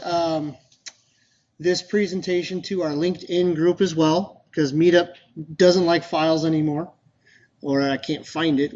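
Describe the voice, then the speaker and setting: Male user-group presenter, chatty and informal, higher pitch, muffled recording. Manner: chatty, loose, many fillers and restarts. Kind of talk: casual presentation to a meetup.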